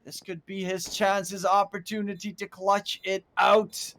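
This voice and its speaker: A man giving live esports match commentary as a caster, lifting excitedly on key plays. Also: sits high, unhurried. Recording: faint game noise and gunfire.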